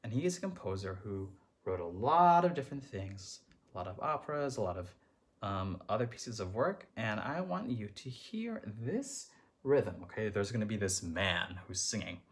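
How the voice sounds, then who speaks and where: A man's voice: lowish voice, big pitch swings, normal speed. A man teaching third graders a music lesson, chanting rhythm syllables and encouraging the children.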